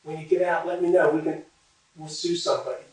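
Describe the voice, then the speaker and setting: A man's voice: on the high side, fairly even intonation, quick pace, voice pushed up, close to an everyday voice. A man voicing an offhand, glib male lawyer. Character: offhand male lawyer offering his card. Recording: very echoey room, far from mic.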